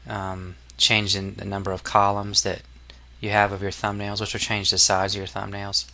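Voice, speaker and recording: A man with a lowish, gravelly, monotone voice narrates a casual software tutorial at normal speed. As the instructor, he explains each step informally and somewhat hesitantly.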